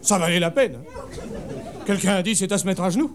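A man telling a comic story on stage in a deadpan way, breaking into sudden high shouted punchlines. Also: fairly quick. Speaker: stand-up comedian. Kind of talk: comic monologue before a live audience. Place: theatre stage with a laughing audience. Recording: live show recording with crowd laughter and noise.

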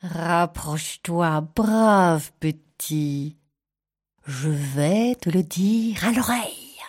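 A sly storybook crocodile, as a woman narrator puts him on, drawing out each coaxing word slowly and lowering his voice. He speaks through his teeth, soft, breathy and menacing. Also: heavily acted.

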